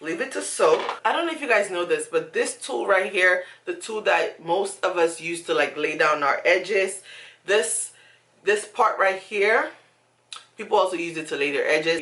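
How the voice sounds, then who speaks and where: Filming in a small room at home, a young woman talks chattily through a beauty tutorial, emphatic and prone to repeating herself. She has a lowish, fairly bright voice with lively intonation and a normal pace.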